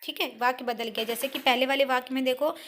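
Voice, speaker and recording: A woman's voice: high-pitched, fairly even intonation, fast talker, fairly bright tone, slight background noise. A woman teacher patiently explaining a grammar lesson to young pupils, reading example sentences aloud. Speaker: school teacher.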